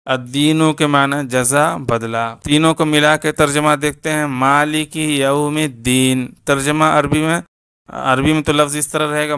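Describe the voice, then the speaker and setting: A man teaching word-by-word meanings in a slow, deliberate lesson, repeating each meaning. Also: mid-range voice, bright, forceful tone, clean tone. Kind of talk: step-by-step lesson.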